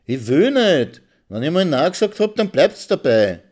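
A man voicing a sharp-tongued young prostitute with a shrill, melodious little voice. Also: big pitch swings, moderate pace. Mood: defiant. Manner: screeching.

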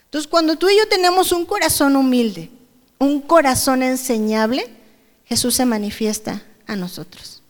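High-voiced Mexican woman preaching. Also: moderate pace. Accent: Mexican Spanish. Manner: conversational preaching, rhetorical questions to the congregation. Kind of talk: sermon. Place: church service hall. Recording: reverberant church hall.

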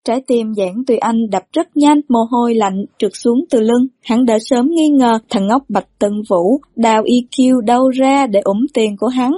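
Audiobook narrator: woman, mellow and fairly high, dry close recording. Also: moderate pace, few pauses, dry recording. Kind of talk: reading a novel aloud.

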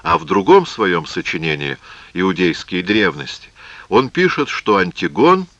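A man narrating a historical novel as an audiobook in a measured, steady reading. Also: on the low side, gravelly, no room sound, muffled recording.

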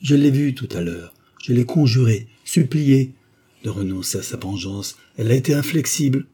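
A man reading the lines of a calm, earnest viscount who gives grave, persuasive counsel in an audiobook. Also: medium pitch, normal speed, husky, voice pushed up. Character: calm, earnest male viscount, loyal friend.

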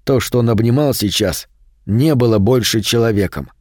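A man narrating a horror audiobook in a steady, measured way. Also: medium pitch, dry recording, studio quality. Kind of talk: scripted narration.

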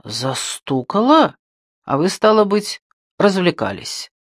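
A man doing a high-voiced, mocking friend. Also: very animated, slow, no echo, studio quality, heavily acted. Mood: ironic. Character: man, easygoing, ironic friend.

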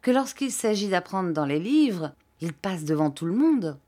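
A woman plays a big-hearted old fisherman in a storybook reading, booming out his praise and exclamations. His voice sits a touch low and even. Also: a little slow. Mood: hearty.

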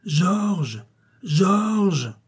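A man's voice: sing-song, very slow, slightly rough, full character voice. A man voicing a young woman who calls out desperately and pleadingly for her lost brother, in an audiobook adventure. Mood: pleading cry. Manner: crying out, high and pleading.

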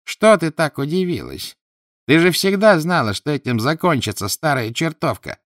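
A man playing a squeaky, teasing devilish apparition. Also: big pitch swings, moderate pace, no echo, clean studio sound. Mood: taunting. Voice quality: squeaky, shrill. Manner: teasing, sly. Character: mocking devilish apparition posing as old woman.

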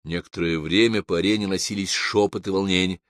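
A man reading an audiobook in a measured, dramatic narration. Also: sits low, fairly even intonation, fairly bright tone, no echo, clean studio sound. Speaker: audiobook reader. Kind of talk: audiobook narration of science fiction.

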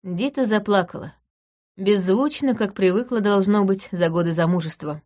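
A woman reading an audiobook in the first person, in a brisk, dry and commanding manner. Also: mid-range voice, a little mellow. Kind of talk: audiobook narration.

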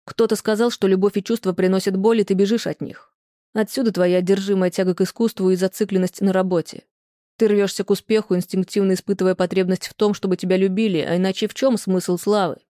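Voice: mid-range voice, level tone, fast talker, mellow, no room sound, natural voice. An audiobook reader voicing a remorseful ex-husband who pleads and reproaches himself in a plain, close, dry read. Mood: accusing. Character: remorseful ex-husband pleading with his former wife.

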